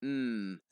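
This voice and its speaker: A man's voice: on the low side, clean tone, no echo. A young man reading a story aloud to friends on a phone call, hammy and playful.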